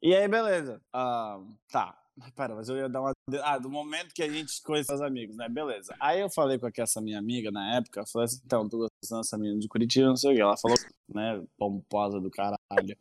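A man's voice: medium pitch, lively intonation, fairly quick. A young man telling a story in casual chat, rambling with stammers, fillers and swearing. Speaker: co-host telling his story.

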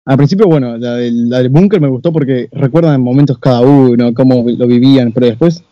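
A young man chatting about a film in a measured, analytical way. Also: mid-range voice, no echo. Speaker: co-host reviewing a film. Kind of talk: casual film review chat. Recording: dull, dry, lo-fi sound.

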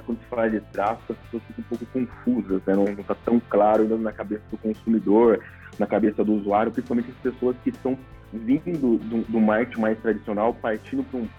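A man's voice: fairly low pitch, steady tone, brisk, highs cut off, faint music behind. A Brazilian man, a podcast guest, explaining things in a casual, informal way and often adding tag questions. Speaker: podcast guest, paid traffic manager.

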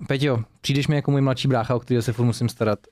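A man's voice: medium pitch, fairly even intonation, darkish tone, no room sound. Teasing man, dry close sound. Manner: teasing, crude banter. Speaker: podcast co-host. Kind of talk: casual group chat.

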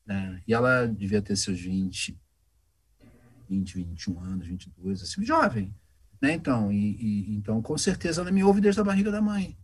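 A man with a husky voice tells stories in a relaxed interview. His pitch swings widely and he slips in quick voices for the people he describes. It is casual, expressive talk. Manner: animated, acts out voices in anecdotes. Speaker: voice actor guest.

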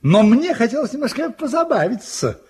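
An actor playing a brilliant, theatrical detective in a radio play, courteous and commanding with a teasing superiority. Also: male voice, extremely high pitch, sing-song, normal speed, a little mellow, slight background noise. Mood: explaining, pleased.

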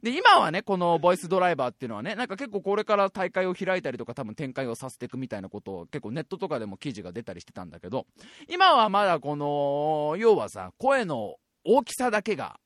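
A man in his twenties hosting a podcast, telling stories in an animated way and laughing often. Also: on the high side, fast talker, no room sound, studio quality. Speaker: podcast host. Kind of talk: casual storytelling chat.

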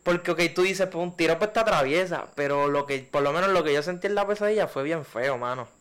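A man's voice: on the high side, clean tone. Young man telling a dream story. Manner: slangy storytelling, drawn-out and animated when telling a scary dream. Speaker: podcast co-host. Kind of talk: casual chat.

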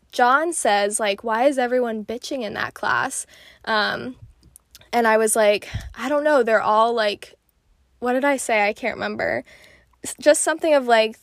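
A young woman in her twenties chats through her stories in a casual, rambling way, leaning on "like" at every turn. Her voice sits a little high. The recording is dry and close, with no room sound. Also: fairly bright tone, no echo. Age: 20s. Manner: chatty, filler-heavy with frequent "like". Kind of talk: casual storytelling.

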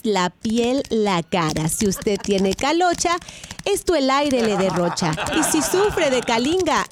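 A woman playing a cheerful electric company agent in a prank call, with polite customer-service patter. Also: sits high. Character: cheerful female utility sales agent with absurd offers. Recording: faintly noisy phone call with clicks.

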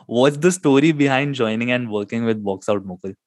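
A man's voice: medium pitch, brisk, a little mellow, no room sound. Guy hosting a casual radio chat, encouraging, hindi mixed into english, dry close sound. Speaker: radio show host, interviewer.

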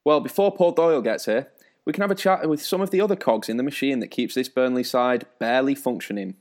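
A man's voice: mid-range voice, quick pace, a little mellow. A man hosting a spoof football show, with a dry, teasing presenter delivery. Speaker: host.

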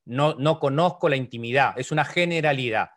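A middle-aged man with a Uruguayan Spanish accent, a psychologist giving an online motivational talk with humor, playful, jumping from loud, high complaining voices down to soft, near-whispered lines. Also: brisk.

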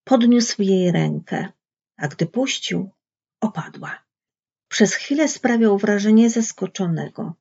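Husky woman reading a novel aloud. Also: medium pitch, animated, warm tone. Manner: measured storytelling. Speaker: audiobook reader. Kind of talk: literary narration. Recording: dull lo-fi recording.

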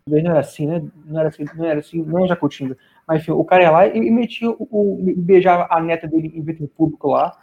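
A man's voice: fairly high pitch, very fast, few pauses. A man co-hosting a podcast in casual political chat, rambling with many restarts and repeated words. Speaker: podcast co-host. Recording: dull lo-fi sound.

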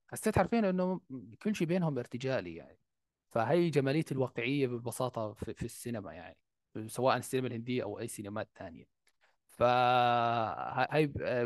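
A man with a Levantine Arabic accent talks films in a casual discussion. His delivery is extremely fast and the sound is dry and close. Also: medium pitch, no room sound. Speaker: film podcast panelist.

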